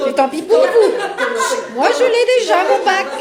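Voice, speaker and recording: A woman's voice: extremely high pitch, animated, moderate pace, a loud crowd, pitched above the performer's own voice. A woman playing a lazy, indifferent teacher who drawls with amusement. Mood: smug.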